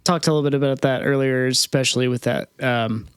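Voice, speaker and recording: Smooth-voiced easygoing podcast host. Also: male voice, medium pitch, steady tone, fairly quick, no room sound, clean studio sound. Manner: easygoing, laughs through his talk. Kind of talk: casual chat.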